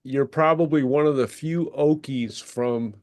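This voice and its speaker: A man's voice: medium pitch, unhurried, a little mellow, dry recording, studio quality. A man hosting a casual group conversation. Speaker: host, moderator. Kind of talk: casual chat.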